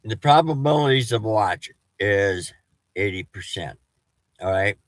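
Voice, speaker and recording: A man giving a casual, rambling weather update as a storm chaser, with a halting delivery and s sounds that whistle through false teeth. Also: on the low side, expressive, dry recording.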